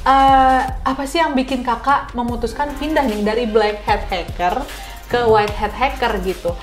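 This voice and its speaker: Speaking a little slowly in a steady, fairly high voice, a woman with a Jakarta Indonesian accent interviews a guest for a podcast. She's chatty and informal, frequently repeating answers back and looking for agreement. The recording has roomy echo with background music.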